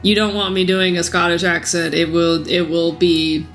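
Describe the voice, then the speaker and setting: A woman streaming her playthrough of a video game, chatting casually and joking at herself, with a voice a little rough from being sick. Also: on the low side, little pitch movement, moderate pace, a bit bright, soft background music. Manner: chatty, self-mocking, laughs often. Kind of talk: casual let's-play commentary.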